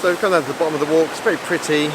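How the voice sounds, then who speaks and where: A man's voice: a little high, fairly even intonation, racing, very noisy. A man chatting casually on a travel vlog, laughing at himself, filmed outdoors and in a car. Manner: chatty, self-mocking, laughs often. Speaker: vlogger.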